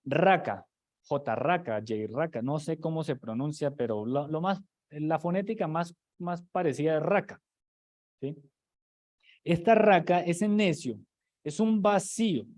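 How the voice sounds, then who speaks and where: A man's voice: fairly high pitch, animated, measured pace, darkish tone. A man preaching a sermon in a conversational way, stopping often to restart phrases and asking his listeners rhetorical questions. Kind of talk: sermon teaching.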